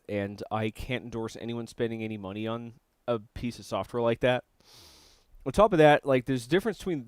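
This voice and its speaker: Eating mid-conversation, a young man building electronics on a live stream talks casually in a darkish, mid-range voice as he works on a circuit board. His sentences ramble and restart, and there's no echo.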